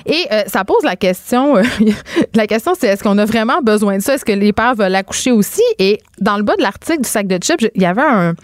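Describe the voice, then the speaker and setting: A woman's voice: mid-range voice, lively intonation, a little fast, no echo. A middle-aged woman with a Québécois accent, talking as a commentator in a casual debate, emphatic and rambling. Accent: Québécois French. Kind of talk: casual talk show debate.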